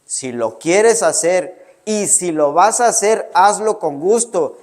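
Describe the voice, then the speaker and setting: Brief: middle-aged Mexican-accented male preacher, high voice, conversational sermon with fillers and restarts, church hall reverb. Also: lively intonation, slow pace, a little mellow. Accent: Mexican Spanish. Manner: conversational, repeats words, many fillers.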